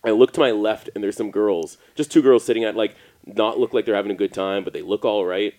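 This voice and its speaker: Laid-back low-voiced man telling a story. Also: brisk. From Canada. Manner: laughing, animated storyteller who voices people in his anecdotes. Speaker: podcast co-host. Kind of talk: casual storytelling chat.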